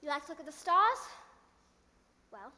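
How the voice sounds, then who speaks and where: A woman plays a prim, earnest girl of good family on stage. The voice is very high and bright, measured and a little bossy, in an echoey hall. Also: sing-song, heavily acted. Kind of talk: theatrical stage acting.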